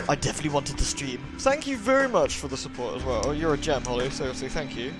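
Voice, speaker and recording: This British livestream host has a medium-pitched voice and talks fast and animatedly. He chats in a friendly, informal way, greeting viewers and answering them while moody music plays behind him.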